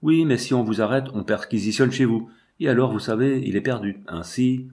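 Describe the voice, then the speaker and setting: A man voicing a grave adult male scholar who gives a low, firm warning in a storybook reading. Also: a little fast, a little mellow, natural voice. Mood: urgent.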